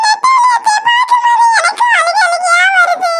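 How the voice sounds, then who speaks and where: A voice actor playing an excitable young village boy in a cartoon, with a Kanyakumari Tamil accent and a loud, exclamatory way of talking. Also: very high voice, a little fast, no room sound, soft background music, full character voice. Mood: pleading. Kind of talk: cartoon voice acting.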